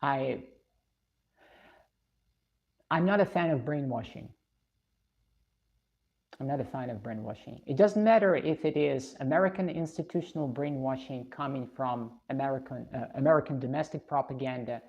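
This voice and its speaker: Low, dark-voiced woman, blunt live streamer, slightly dull lo-fi sound. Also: normal speed, long pauses. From Russia. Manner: blunt and opinionated. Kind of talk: live stream chat reading comments.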